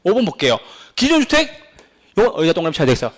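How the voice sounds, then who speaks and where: A man teaching a real estate exam prep class, lively and insistent, constantly quizzing his students with questions. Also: fairly high pitch, fast. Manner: pleading, insistent.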